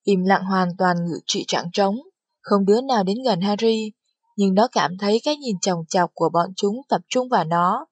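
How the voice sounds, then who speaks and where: Husky woman narrating an audiobook. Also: medium pitch, normal speed, dry recording. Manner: steady storytelling delivery. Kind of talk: scripted narration.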